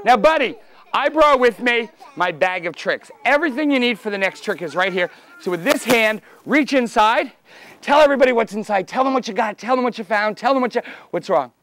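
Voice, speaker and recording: Here the children's magician, a middle-aged man entertaining seated kids in a library room, speaks in a very high, animated voice that runs a little fast and sounds fairly bright. He stays exuberant and theatrical, joking with young volunteers and often raising his voice like a party entertainer.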